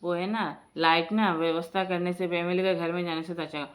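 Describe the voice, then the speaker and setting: A soft, meek young daughter-in-law, played by a woman narrator. She speaks quietly and pleadingly, a little lower and softer than the narrator. Told in a spoken home story. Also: steady tone, brisk, natural voice. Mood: hurt. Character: young, patient, put-upon daughter-in-law.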